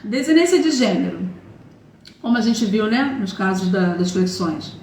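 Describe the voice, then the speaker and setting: A woman's voice: mid-range voice, expressive, moderate pace, a little mellow. A woman Portuguese teacher giving an online grammar lesson, explaining patiently and checking in often with short questions. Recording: echoey room with faint noise.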